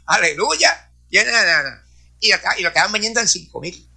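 Guy preaching to his church, high bright voice, keeps saying hallelujah. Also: expressive, normal speed, creaky. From Puerto Rico. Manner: peppers speech with hallelujahs and praise. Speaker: church speaker. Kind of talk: preaching testimony to a congregation.

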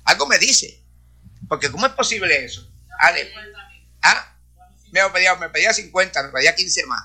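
A man speaks to a congregation in a testimony-style sermon, sprinkling hallelujahs and praise between his sentences. His voice sits high for a man, with a sharp, very bright edge. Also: expressive, normal speed, breathy edge. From Puerto Rico. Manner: peppers speech with hallelujahs and praise. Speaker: church speaker.

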